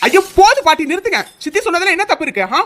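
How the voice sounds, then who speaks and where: A woman's voice: sits high, animated, fast talker, pushed and bright, voice pushed down. A woman voicing an angry young man in a cartoon serial, firmly rebuking his elders. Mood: indignant. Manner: firm, rebuking.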